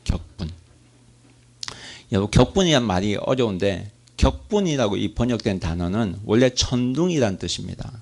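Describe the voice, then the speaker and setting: A man's voice: fairly low pitch, lively intonation, moderate pace, vocal fry, darkish tone. A man pastor preaching a sermon, asking his congregation questions and acting out prayers.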